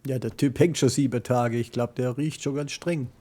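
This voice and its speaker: A man's voice: mid-range voice, fairly even intonation, moderate pace, warm tone. A man from Germany streaming a video game with casual, amused commentary. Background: game music.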